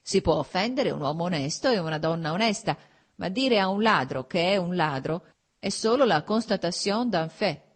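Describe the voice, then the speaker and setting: Woman reader playing a rigid, icy husband; shrill, harsh, formal. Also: lively intonation, normal speed, breathy edge. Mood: shrill anger. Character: cold stern middle-aged husband, shrill when angry.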